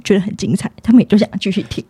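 A young woman, chatting casually on a podcast, animated and laughing often as she acts out what people said. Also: mid-range voice, racing, husky. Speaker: podcast co-host telling a story. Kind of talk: casual chat.

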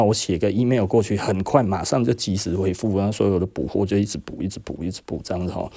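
Husky low-voiced Taiwanese Mandarin man. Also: dark tone. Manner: chatty, acts out both sides of old conversations. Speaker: podcast host, shop owner. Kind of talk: casual storytelling.

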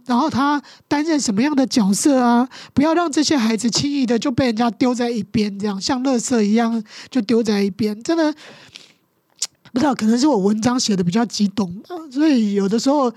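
This middle-aged woman, a teacher and mother with a Taiwanese Mandarin accent, appears as a podcast interview guest recounting a painful story with passion and strong emotion, quick to act out scenes. Her voice is fairly high and darkish, recorded dry with studio quality and no echo.

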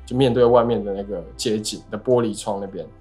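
A man telling a comic story on a podcast, animated and laughing as he goes. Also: on the low side, quick pace, faint music behind. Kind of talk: casual comedic storytelling.

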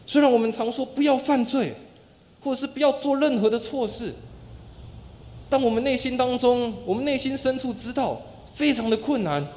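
A man preaching a sermon, telling a story with acted-out quotes, his voice dropping soft and low at the ends of phrases. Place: church sanctuary. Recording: long church reverb.

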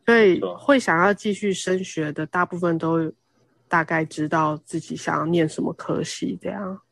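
A woman in her thirties from Taiwan, a podcast guest, talking casually and explaining at length with quick asides. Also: fairly low pitch, fairly even intonation, creaky, no echo. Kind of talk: casual interview chat.

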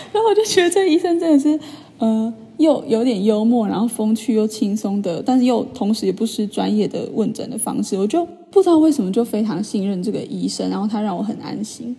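A young woman chats through a story for her vlog, full of fillers and animated asides. Her voice is mellow and husky with a gravelly edge of fry. A long reverb trails after her words. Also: mid-range voice, a little fast, few pauses. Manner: chatty, animated retelling with many fillers. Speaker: vlogger. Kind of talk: casual storytelling monologue.

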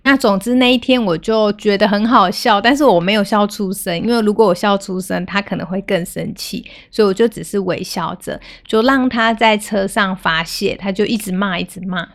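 On a parenting podcast, a woman in her thirties calmly retells a family moment in a gentle, even tone. Her voice is middle-height, neither high nor low, at normal speed with hardly any pauses.

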